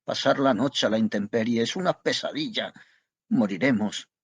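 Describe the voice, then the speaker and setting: A man voicing an exasperated, frightened wife in a shrill, scolding tone. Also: normal speed, husky, no room sound.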